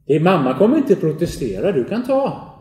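A man's voice: on the high side, very animated, mellow, voice pushed up. A man voicing an odd, eager fifteen-year-old boy in a tabletop game, welcoming and overly friendly. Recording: roomy echo.

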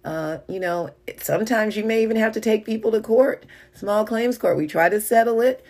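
A woman's voice: medium pitch, moderate pace, darkish tone. A middle-aged woman giving an informal devotional talk, conversational and full of fillers as she tells personal stories.

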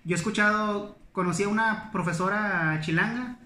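Man, Coahuila accent, animated storyteller, echoey room. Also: high voice, moderate pace. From Coahuila, Mexico. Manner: animated storytelling, acts out quotes. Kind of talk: casual chat.

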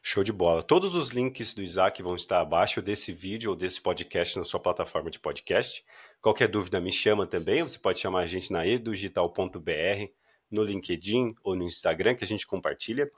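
A Brazilian man hosting a podcast casually, with a hoarse, duck-like voice from a cold. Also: sits low, fairly quick. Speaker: podcast host.

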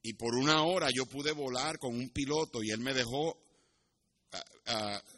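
This sermon blends Bible teaching with personal anecdotes, delivered in a didactic style by a man from Puerto Rico who speaks with its accent and slips in English asides now and then. His voice is medium in pitch, a bit bright, and moderately paced.

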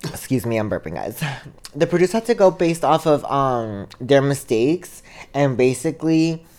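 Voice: medium pitch, very animated, moderate pace, a little mellow. Young co-host, loose and chatty, talks in filler-heavy run-ons into a podcast mic. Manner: rambling, heavy on "like" and "um". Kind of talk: casual chat. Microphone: podcast studio mic.

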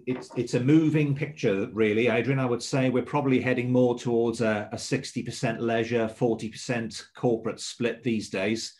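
A middle-aged man from Swansea with a mild South Welsh accent, giving measured, explanatory answers as a hotel manager being interviewed. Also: mid-range voice, steady tone, a little mellow. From Swansea, South Wales.

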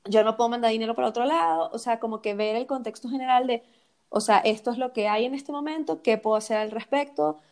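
Venezuelan-accented woman, slightly high voice, lively storyteller in casual chat. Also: fast. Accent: Venezuelan Spanish. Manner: animated storyteller, many fillers and restarts.

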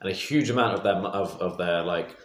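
A young man makes casual conversation. His voice is deep. It echoes in the room over a little background noise. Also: fairly quick. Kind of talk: casual chat. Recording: roomy echo, noticeable background noise.

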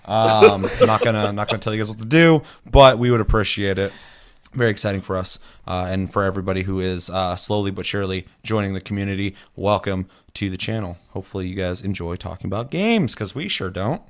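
Hungover dude hosting a gaming podcast, lowish voice, jokey n sweary, kinda struggling w words. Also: male voice, a little fast. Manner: sweary, joking. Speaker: podcast host. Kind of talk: casual gaming podcast chat.

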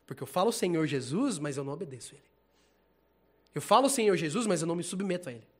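Man, high voice, informal sermon, slangy, animated. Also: fast talker. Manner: casual, animated, slangy preaching, laughs often. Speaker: preacher.

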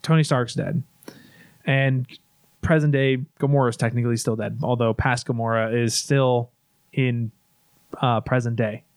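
A man's voice: mid-range voice, steady tone, a little slow, dry recording, clean studio sound. A man casually recapping a movie in long, rambling stretches, restarting often and swearing now and then.

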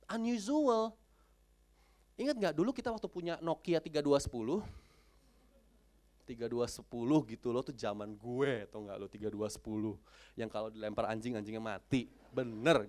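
Animated man preaching. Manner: animated, code-switching, with big pitch swings and loud outbursts. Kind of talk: sermon with casual storytelling.

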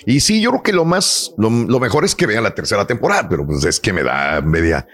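A man's voice: lowish voice, brisk. A man hosting a morning radio show, chatting casually and using slang. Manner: chatty, animated, uses slang. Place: radio studio.

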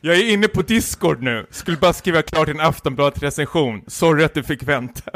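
A relaxed male gamer hero, put on by a man reading a story aloud speaks in a slightly raised voice. He sounds easygoing and reassuring, calm and protective. The tone stays light and unhurried. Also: a little high, no room sound, studio quality, faint music behind, pitched above the performer's own voice.

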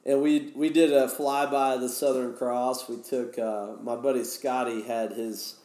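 A man's voice: mid-range voice, flat delivery, measured pace, a little mellow. Man, casual storytelling, rambling, restarts, echoey room. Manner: rambling, many fillers and restarts. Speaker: guest. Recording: roomy echo.

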